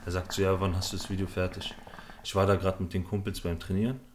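A man's voice: deep voice, flat delivery, fast, slight background noise. A young man hosting a podcast, telling a rambling, slangy story to friends with lots of fillers. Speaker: podcast host. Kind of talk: casual storytelling among friends.

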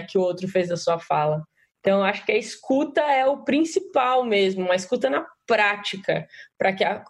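A woman talking in a casual panel discussion, reflective and explaining ideas through spoken examples. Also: medium pitch.

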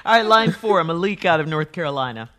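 A man co-hosting a radio show, lively and brisk as he introduces callers and segments. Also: on the high side. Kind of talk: call-in radio talk.

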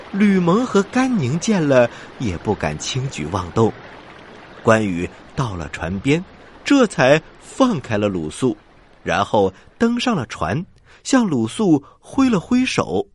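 A man hosting a children's story show, telling tales in a dramatic style. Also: mid-range voice. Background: faint music.

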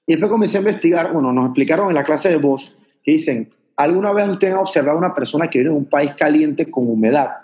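A man's voice: fairly high pitch, animated, fast talker, a little mellow. A man from Panama with a Panamanian Spanish accent, chatting animatedly as an actor explaining voice technique and demonstrating sounds. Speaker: actor and voice coach guest. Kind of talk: casual chat, explaining voice technique.

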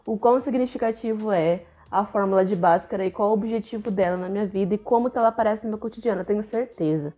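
A woman's voice: a little high, a little mellow. Lady teacher on a podcast, explains stuff patiently, kinda muffled lo-fi sound. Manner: explanatory, teacherly, tags with frequent "né?". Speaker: podcast co-host, English teacher. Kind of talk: casual podcast chat.

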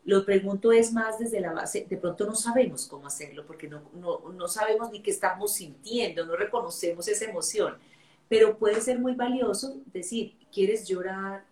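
A woman hosting an interview, her voice carrying a roomy echo. She affirms her guest and thinks aloud as she shapes each question, at a middle pitch. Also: normal speed, a little mellow. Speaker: interviewer, host. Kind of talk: interview conversation.

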